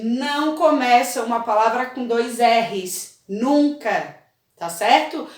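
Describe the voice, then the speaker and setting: A slow, unhurried woman teaching young pupils to spell, patient and forever checking whether they follow. Her voice sits a little high and reaches the mic from a short distance. It rings around an echoey room. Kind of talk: children's spelling lesson.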